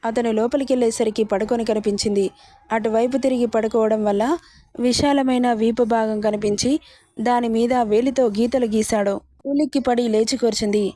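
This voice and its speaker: Mellow-voiced woman reading a romance story. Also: on the high side, fairly even intonation, normal speed, no echo. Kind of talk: scripted romance story narration.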